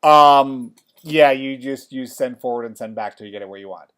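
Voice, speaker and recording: A male college theater design instructor teaching software in a casual classroom style, often checking in with the class. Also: medium pitch, normal speed, clear, resonant tone. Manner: chatty, checks in with "okay?" often.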